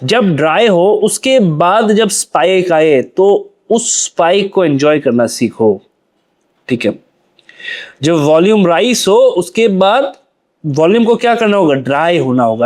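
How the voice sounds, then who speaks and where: A man's voice: on the high side, a little mellow. A young man explaining trading charts as a lesson, asking questions and answering them himself, repeating phrases for emphasis. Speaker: trading educator.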